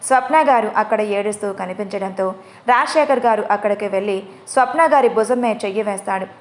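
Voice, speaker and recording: A woman telling a long family story in a steady, measured storybook narration. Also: medium pitch.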